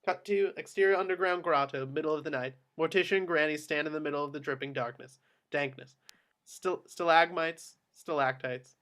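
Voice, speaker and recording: At a table read, a man serves as narrator for a screenplay, reading out scene headings and action descriptions. His voice is a bit higher than average and fairly bright, and he moves briskly.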